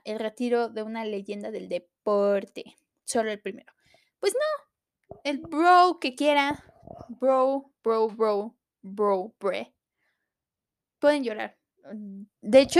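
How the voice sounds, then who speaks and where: A young woman with a Mexican accent, chatting casually as she comments on a list of rules, lively and playful, often adding gender-neutral word forms. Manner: chatty, animated, uses gender-neutral forms, bursts into high exclamations.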